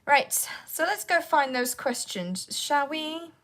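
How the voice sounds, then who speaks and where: A woman voice actor sits high in pitch, animated and fairly bright, moving at a slow pace despite a sore, croaky throat. She rambles casually to her livestream viewers and talks to herself while fighting with her devices.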